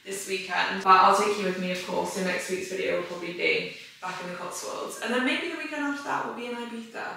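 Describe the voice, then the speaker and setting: A woman's voice: medium pitch, quick pace, vocal fry, sharp tone, distant mic, slight background noise. A young woman, chatting casually to camera at home, rambling and self-deprecating. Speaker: vlogger. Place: home, dressing room and kitchen.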